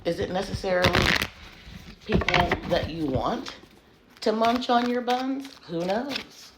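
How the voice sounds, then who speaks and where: A frank, chatty woman in a casual tarot vlog, swinging from loud, animated bursts down to hushed whispers. The recording has clear background noise and comes from a phone propped up at home. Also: medium pitch, unhurried. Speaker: tarot reader.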